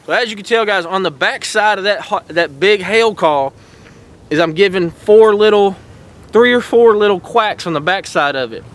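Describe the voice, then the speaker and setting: High, bright-voiced man teaching. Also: normal speed, poor audio. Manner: folksy and encouraging, repeats "all right" and "guys". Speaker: host teaching duck calling. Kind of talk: casual outdoor instruction.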